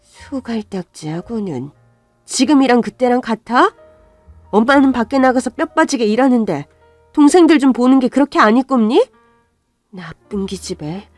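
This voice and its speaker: A woman voicing a harsh middle-aged mother who scolds and shouts at her daughter in a storybook radio drama. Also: a little high, lively intonation, normal speed, no echo, soft background music, voice pushed up. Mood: scolding.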